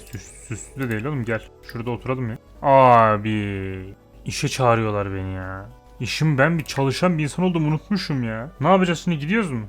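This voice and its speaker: With a mid-range voice, a young gamer gives casual, excitable commentary while he plays. He chats with the characters on screen and tells them off, swearing playfully.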